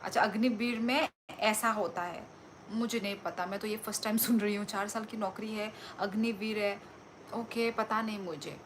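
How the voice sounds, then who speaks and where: A woman's voice: medium pitch, steady tone, normal speed, a little hiss or hum, rough recording. A woman from Tripura, hosting a casual livestream. She reads out viewer comments and answers them in a teasing, playful way. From Tripura, India. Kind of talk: casual live-stream chat.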